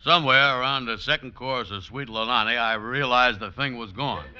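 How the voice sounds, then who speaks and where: An actor playing a gullible, slow-witted, good-natured man with folksy talk in an old-time radio comedy. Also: medium pitch, bright, forceful tone, clean tone. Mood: gullible, dawning. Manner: folksy, ungrammatical, slow to catch on. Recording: muffled old radio recording.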